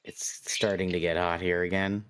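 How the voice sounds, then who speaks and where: A man's voice: level tone, normal speed, fairly bright tone, smooth. A man co-hosting a game stream, chatting casually with dry, teasing remarks. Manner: dry, teasing, low-key. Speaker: co-host.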